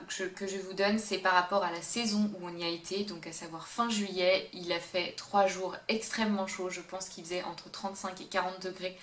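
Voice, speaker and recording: Woman vlogging to camera, chatty and upbeat, lots of pauses, echoey room. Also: medium pitch, fairly bright tone. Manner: chatty and upbeat, with frequent hesitations. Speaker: beauty and travel vlogger. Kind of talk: casual face-camera travel tips chat. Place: indoor room, talking to camera. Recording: roomy echo with faint background hum.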